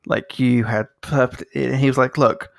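A man chatting casually as a podcast host, animated, swearing freely and laughing through his sentences. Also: medium pitch, unhurried, gravelly, dry recording, clean studio sound. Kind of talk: casual chat.

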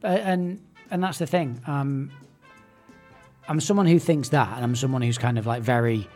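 A man's voice: mid-range voice, moderate pace, a little mellow, faint music behind. Hesitant man in casual debate. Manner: thoughtful, hesitant, repeats words. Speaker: radio show host. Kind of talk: casual discussion.

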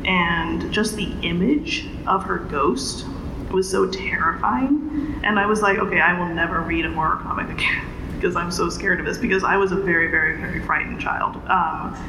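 A friendly, chatty moderator from Indonesia runs a panel at a middling pitch. The room gives a long reverberant echo. Steady background noise runs beneath the voice. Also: moderate pace. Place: hotel meeting room with audience. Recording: echoey hall, background noise.

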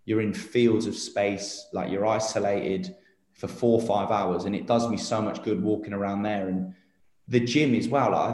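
Late-twenties male guest, low-ish voice, earnest rambling chat, roomy echo. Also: darkish tone. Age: 20s. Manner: rambling, earnest, many fillers and restarts. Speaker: interview guest. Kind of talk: casual interview talk.

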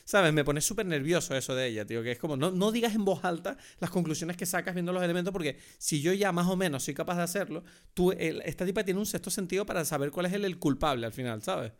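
Fast-talking man with a Spain Spanish accent. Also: sits high, lively intonation. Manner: quick, emphatic, swears casually. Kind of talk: casual film chat.

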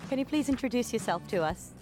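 A woman's voice: fairly high pitch, lively intonation, fast talker, music in the background. Upbeat woman reporter at a book fair. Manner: upbeat, chatty, laughs easily. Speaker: roving reporter. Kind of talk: vox-pop interviews.

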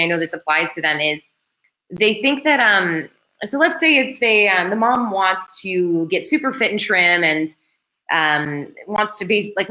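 Guest spot: chatty woman coach, low-ish voice with a bright, forceful edge. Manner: chatty and animated, full of "like" fillers. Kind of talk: casual podcast chat.

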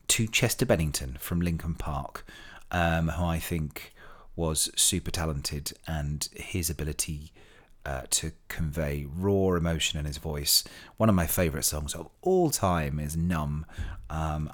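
A man hosting a podcast in a chatty monologue, theatrical and effusive, drawing out words. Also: very deep voice. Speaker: podcast host and stage performer.

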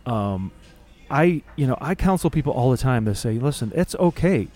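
A man's voice: mid-range voice, lively intonation, normal speed, darkish tone. A man co-hosting a casual talk show, chatting and often repeating words as he thinks. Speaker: podcast co-host. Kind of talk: casual conversation.

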